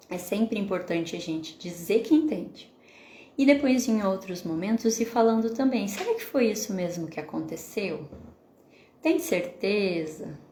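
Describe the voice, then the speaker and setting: A woman therapist with a Brazilian Portuguese accent, hosting a live stream. She explains calmly and keeps checking in with the viewers with questions. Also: lowish voice, roomy sound, a little hiss or hum. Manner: explanatory, asks the audience questions, frequent "né?".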